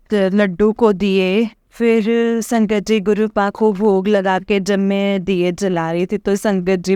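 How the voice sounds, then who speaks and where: A woman's voice: medium pitch, darkish tone, clear, resonant tone, no echo, studio quality. A woman telling a rambling personal testimony to a congregation, full of hesitant fillers and repeated address to her listeners. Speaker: devotee sharing a testimony.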